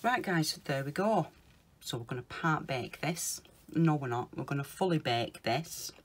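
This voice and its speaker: Low, unhurried woman crafting. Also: a little hiss or hum. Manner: chatty, often calls viewers guys, mutters softly to herself while working. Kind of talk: casual crafting tutorial.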